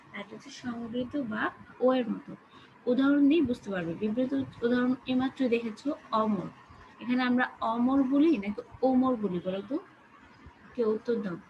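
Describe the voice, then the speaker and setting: A woman teacher with a Bangladeshi Bengali accent giving an online class, explaining step by step and keeping her students answering questions. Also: on the high side. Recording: dull lo-fi call audio with background noise.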